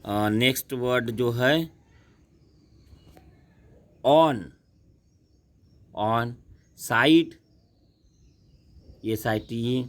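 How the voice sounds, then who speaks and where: A man teaching a class, slowly repeating words and asking and answering his own questions. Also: medium pitch. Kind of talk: classroom lesson.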